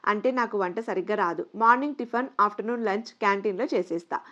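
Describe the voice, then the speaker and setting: A woman voicing a kind, independent young woman who talks gently and reassuringly, on a dull lo-fi recording. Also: mid-range voice, fast, close to an everyday voice. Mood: caring.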